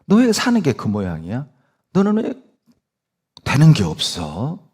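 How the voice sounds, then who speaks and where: A man's voice: mid-range voice, wildly swooping pitch, unhurried, a little mellow, husky, full character voice. A male preacher voicing the devil as a mocking, needling accuser who whispers doubts. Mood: taunting.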